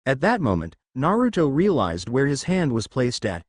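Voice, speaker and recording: A man narrating a fan-fiction story in a steady storytelling read. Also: medium pitch, normal speed, dry recording, clean studio sound.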